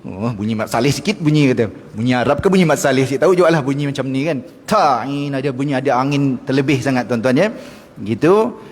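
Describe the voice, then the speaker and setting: A middle-aged man, a religious teacher giving a mosque lecture on Quranic pronunciation, who slowly chants short verses to demonstrate and then explains them, addressing his listeners directly. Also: medium pitch, lively intonation. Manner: addresses the audience directly and often. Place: mosque hall. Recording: long mosque hall reverb.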